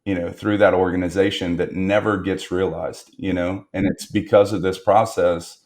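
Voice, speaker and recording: A man's voice: low voice, little pitch movement, moderate pace, a little mellow. A man speaking as a guest on a business podcast, reflecting on lessons learned and stressing points by repetition. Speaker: guest entrepreneur. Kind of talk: podcast interview.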